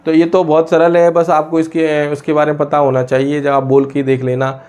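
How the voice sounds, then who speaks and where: Hindi teacher, self-questioning lesson. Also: male voice, a little high, completely flat delivery, moderate pace, darkish tone, clear, resonant tone. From India. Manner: asks and answers his own questions, many hesitations. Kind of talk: explaining a lesson.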